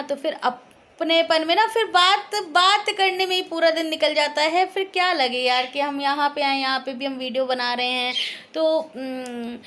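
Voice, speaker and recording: A woman's voice: high voice, slight background noise. A tired young woman vlogger chatting casually to camera, telling stories and quoting her relatives. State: tired, sleepy.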